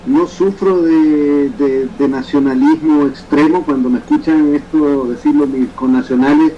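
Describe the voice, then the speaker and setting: A man in his fifties from El Salvador with a Salvadoran Spanish accent, speaking as an interview guest in a reflective, halting way with frequent restarts. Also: a little high, steady tone, warm tone, dull audio, slight background noise. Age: 50s. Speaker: guest, photographer and poet. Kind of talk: remote interview conversation.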